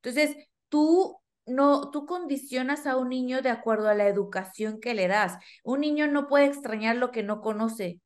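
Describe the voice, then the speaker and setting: A woman speaks as an interview guest. Her voice sits a little high and she talks in a teacherly way, posing questions to the listener. She works through one point at a time for parents. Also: normal speed, few pauses. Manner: didactic, asks listeners questions, acts out children's dialogue.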